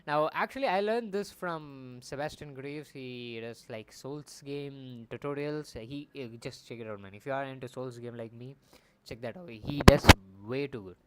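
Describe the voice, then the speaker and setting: The recording is low quality, but the young man's medium-pitched voice comes through clear and resonant at a moderate pace. Streaming casually from a desk mic while making a game, he rambles and thinks aloud, often correcting himself.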